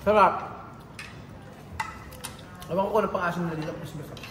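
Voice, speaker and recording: This man from the Philippines has a high, fairly bright voice and talks a little fast. He's a food vlogger sampling dishes at a restaurant during a shared meal, switching between Tagalog and English and laughing often as he eats. The recording has a large-hall feel with a little hiss or hum.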